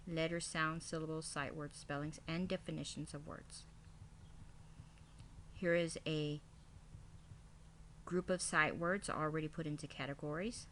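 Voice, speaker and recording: Low voiced lady teacher reading thru her lesson plan kinda haltingly, bit of background noise. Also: steady tone, fairly bright tone. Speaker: kindergarten teacher.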